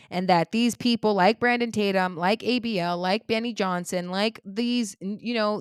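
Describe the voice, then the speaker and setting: A woman giving a heated political opinion monologue, indignant, swinging between loud outbursts and low muttering. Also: smooth, no echo, studio quality. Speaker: political commentator.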